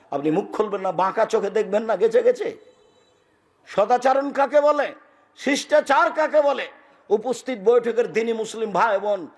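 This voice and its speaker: A male preacher giving a sermon, speaking hard and forcefully. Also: sits high. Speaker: Islamic preacher.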